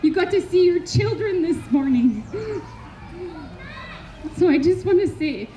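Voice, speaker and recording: Her voice very high-pitched, animated and warm, a Canadian woman gives a heartfelt public address at a community memorial gathering, speaking slowly and earnestly with measured pauses between phrases. The recording is dull and lo-fi, with faint background noise.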